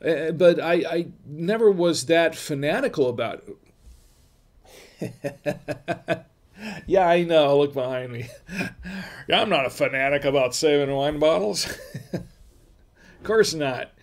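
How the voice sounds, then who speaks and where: An older man from Florida, USA, hosts a home wine vlog from his desk, recorded on a webcam in a room lined with wine bottle shelves. His voice sits fairly high and moves slowly, with long pauses. It's a casual, rambling livestream chat, digressive and full of fillers and chuckles.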